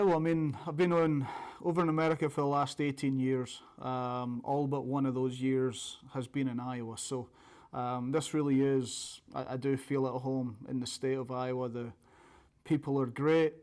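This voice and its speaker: A man's voice: medium pitch, little pitch movement, normal speed, darkish tone. A man with a thick Scottish accent giving informal interview answers as a college soccer coach.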